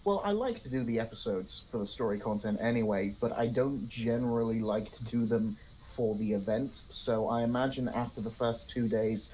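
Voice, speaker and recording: A man's voice: medium pitch, normal speed, hardly any pauses, darkish tone, husky, poor audio. Matter-of-fact man reading podcast news. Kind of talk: read-aloud news segment and casual chat.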